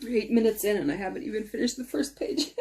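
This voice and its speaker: A woman's voice: medium pitch, animated, fast talker, warm tone. A sniffly woman with a congested, sneezy air, reading a story aloud with casual asides. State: sniffly, sneezy, interrupted by coughs. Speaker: fiction reader.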